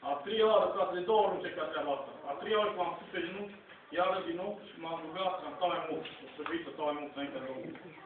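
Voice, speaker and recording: Someone in the audience of a small church hall recorded this middle-aged lay preacher from a distance on a handheld camera. His voice is high, and his unscripted sermon is fervent, earnest, exhorting and repetitive, heard through a tinny, echoey, noisy phone recording.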